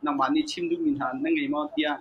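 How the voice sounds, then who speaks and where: A man speaking in a panel discussion in an animated way. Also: fairly high pitch, rapid-fire, lo-fi sound, a little hiss or hum.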